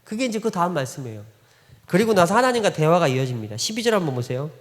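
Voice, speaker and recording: A man with a high, very animated voice preaches a Sunday sermon, swooping up and down as he tells stories casually and plays out the dialogue. His voice rings through a church hall with a long reverb tail. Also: very fast. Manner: conversational storytelling, acting out quoted dialogue, frequent laughter. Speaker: pastor. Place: church sanctuary.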